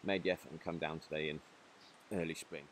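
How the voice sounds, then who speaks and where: A man giving a quiet, pleased running commentary to himself while fly fishing outdoors, recorded on an action camera. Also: rumbling low, fairly even intonation, fast talker, rough recording. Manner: quiet, pleased, talking to himself between casts. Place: outdoors by a stream in a valley. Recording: outdoor camera audio with faint stream noise. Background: running stream and wind.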